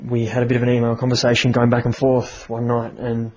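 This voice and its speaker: A man casually reviewing a comic on his podcast, chatty and halting with many fillers. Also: mid-range voice, monotone, poor audio. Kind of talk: casual review and story reading.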